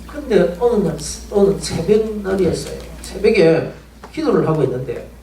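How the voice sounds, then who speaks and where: A man's voice: high voice, expressive, normal speed, mellow, slight background noise. A male pastor preaching a sermon, telling an emotional story full of pleading rhetorical questions. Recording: roomy church sound, mic at a distance, faint ambience.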